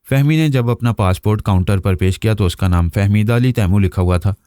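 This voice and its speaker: A male storyteller reading a novel aloud with a low, mellow voice. His delivery is steady and even, and the sound is dry and close with no room around it. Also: a little fast, clean tone, dry recording. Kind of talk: novel narration.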